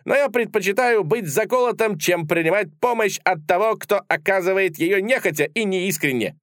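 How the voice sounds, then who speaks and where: A man voicing a tiny, proud male duelist with a ringing high voice who shouts bold challenges. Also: moderate pace, dry recording, studio quality.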